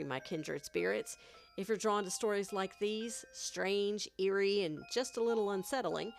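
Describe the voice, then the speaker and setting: A woman with a country accent, hosting her own podcast and narrating a scripted, hushed, dramatic mystery story into a studio mic. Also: mid-range voice. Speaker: podcast host. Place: home studio.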